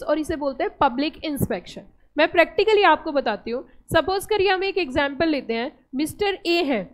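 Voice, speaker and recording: A young Indian-accented woman lectures a class, building each point step by step and turning to her students with questions. Her voice sits very high. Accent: Indian English. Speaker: teacher.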